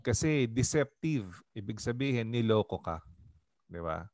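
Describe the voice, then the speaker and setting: A man's voice: medium pitch, expressive, unhurried, a little mellow, no echo. A Filipino man, a pastor, leading a Bible study in a conversational way and often asking the group questions. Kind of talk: Bible study teaching in mixed Tagalog and English.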